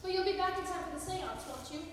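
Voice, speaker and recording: In amateur stage acting, an actress plays an anxious young woman who feels haunted, speaking earnestly and nervously before turning defiant. Her voice is very high-pitched and quick. It's recorded from far off in an echoey hall, with noise.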